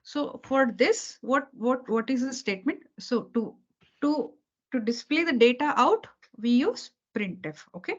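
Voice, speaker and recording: A woman with a high, expressive voice teaches a beginner programming lesson at a measured pace on a video call whose audio is dull and lo-fi. Patient and repetitive, she goes back over key points and checks understanding with "okay" and "right" after nearly every sentence.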